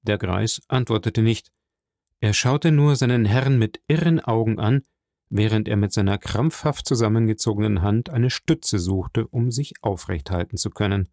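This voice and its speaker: Steady male audiobook narrator, dry sound. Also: on the low side, dry recording. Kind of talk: scripted narration of a classic novel.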